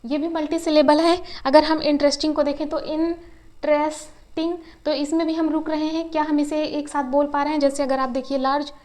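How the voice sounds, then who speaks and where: A woman teaching an English grammar lesson in a classroom style. She asks questions and answers them herself, and she spells words out slowly, syllable by syllable. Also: sits high. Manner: slow, syllable-by-syllable word spelling.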